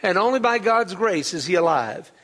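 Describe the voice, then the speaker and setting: A male pastor with a drawl delivers a sermon in a noticeably high voice. He tells homespun stories and slows right down to lean on the words that matter. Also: animated, a bit bright, in a large hall. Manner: folksy storytelling, slows for emphasis.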